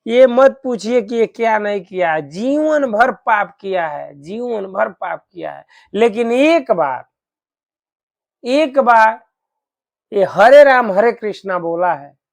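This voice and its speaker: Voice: medium pitch, animated, slow pace, vocal fry, no room sound. A man voicing a solemn divine record-keeper reporting a dead man's deeds.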